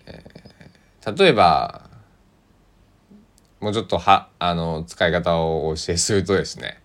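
Low-voiced man with a Kochi accent. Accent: Kochi (Tosa) Japanese. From Kochi, Japan. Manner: rambling, unhurried, many hesitations and soft asides. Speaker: podcast host. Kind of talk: solo casual radio talk.

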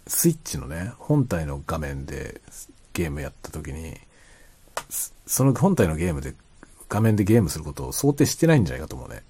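A man chatting casually and quietly late at night, rambling as he explains, often trailing into soft asides. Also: sing-song, fairly quick, slightly rough. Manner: quiet, low-voiced late-night talk. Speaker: streamer chatting to listeners.

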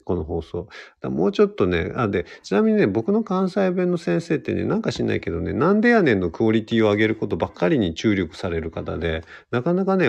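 A man's voice: lowish voice, vocal fry, darkish tone, muffled recording. A young man hosting a casual solo livestream radio show, chatty and self-deprecating as he answers listener comments. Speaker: radio host.

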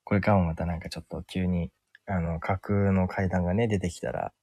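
A man telling an invented ghost story on a podcast, slow and suspenseful, with dramatic pauses and many fillers. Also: deep voice, fairly even intonation, warm tone, dry recording, studio quality. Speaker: podcast co-host.

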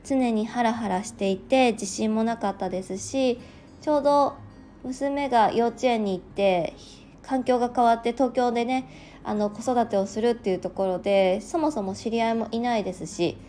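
Soft-spoken Japanese working mom podcaster. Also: female voice, on the high side, normal speed, soft background music. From regional Japan. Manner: soft-spoken, reflective, with frequent fillers. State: just woken up, slightly slow-tongued. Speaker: podcast host, working mother. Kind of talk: casual solo podcast talk.

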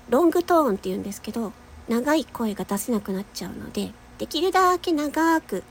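With a fairly high pitch and some vocal fry, a young woman with a nasal voice chats through a casual voice lesson on her voice-training podcast. She laughs often and demonstrates long sustained tones, and slight background noise can be heard.

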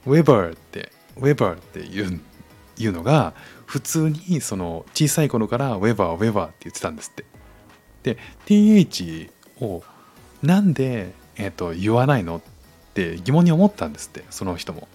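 A man's voice: fairly low pitch, sing-song, moderate pace, warm tone, husky, faint music behind. A man hosting a casual podcast monologue, talking with lots of fillers and restarts. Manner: hesitant, many fillers and restarts. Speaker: podcast host.

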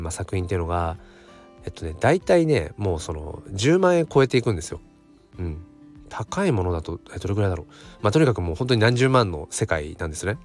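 A man with a hoarse voice hosts a casual solo audio channel, thinking aloud in a hesitant way. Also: low-pitched. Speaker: host of a daily audio channel.

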